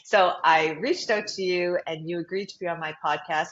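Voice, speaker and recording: A woman's voice: fairly low pitch, fairly even intonation, moderate pace, fairly bright tone, muffled recording. A middle-aged woman hosting a podcast interview in a chatty, upbeat and encouraging manner. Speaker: podcast host.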